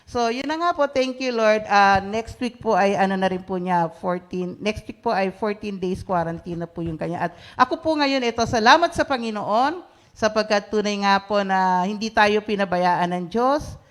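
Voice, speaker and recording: A woman with a mid-pitched voice gives an earnest church testimony. She speaks devoutly and politely, giving thanks as she goes. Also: moderate pace. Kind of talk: prayer meeting testimony.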